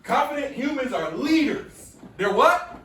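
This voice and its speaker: A man's voice: extremely high pitch, unhurried, slight background noise. Echoey man leading call-and-response. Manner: energetic, coaxing, repeats questions for the group to answer. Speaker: workshop speaker. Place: school classroom with students. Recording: echoey room from far off.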